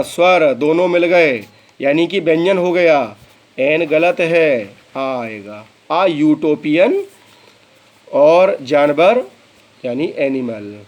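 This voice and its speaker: Male english tutor, kinda high voice, talks real slow, spells stuff out for students. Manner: slow, spells words out letter by letter; addresses students as beta. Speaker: English teacher. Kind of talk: classroom lesson.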